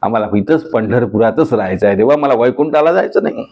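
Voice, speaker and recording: A man's voice: mid-range voice, lively intonation, fast talker, vocal fry, highs cut off. A man voicing the saint Namdev as an old devout man who insists on his wish in emphatic refusals. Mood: earnest. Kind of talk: acted dialogue within devotional sermon.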